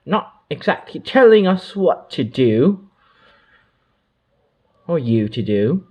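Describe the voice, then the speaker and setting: A fairly high-pitched man gives a channeled spiritual monologue as otherworldly beings. The delivery is mystical and drifting, marked by pauses and soft, trailing asides.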